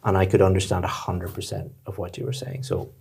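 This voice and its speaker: Low, mellow male teacher giving feedback. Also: monotone, vocal fry, slightly rough. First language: English. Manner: encouraging, explanatory, quick bursts of speech. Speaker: English exam teacher. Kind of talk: one-to-one spoken feedback.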